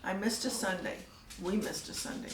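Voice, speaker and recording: An older woman telling her story in a casual interview, soft-spoken and trailing off into near-whispers. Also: mid-range voice, steady tone, normal speed. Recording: echoey room, mic at a distance, faint ambience.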